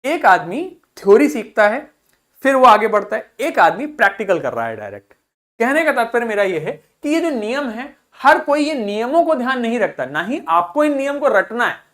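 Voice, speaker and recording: A male English teacher giving a video lesson in Hindi, who asks questions, answers them himself and repeats example words slowly. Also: very high-pitched, very animated, fairly bright tone.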